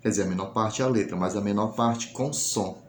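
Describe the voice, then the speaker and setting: A man's voice: lowish voice, a little fast. Teacher man talking himself through questions. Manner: explains step by step, asks and answers his own questions. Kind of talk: recorded class explanation. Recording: echoey room, faint noise.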